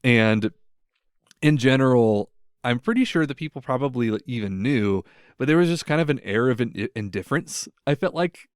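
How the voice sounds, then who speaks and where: A man's voice: mid-range voice, lively intonation, normal speed, clear, resonant tone, no room sound, studio quality. A young man hosting a podcast, telling stories in a rambling, casual way full of "like" and other fillers. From United States. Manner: rambling storyteller, filler-heavy, lots of "like". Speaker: podcast host. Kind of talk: casual chat.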